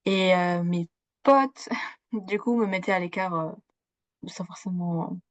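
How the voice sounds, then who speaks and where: On the low side and slow, the voice belongs to a young woman born in Switzerland who coaches and is guesting on a podcast. The interview is casual and conversational, with her chatting, laughing easily and using many fillers. There's no echo.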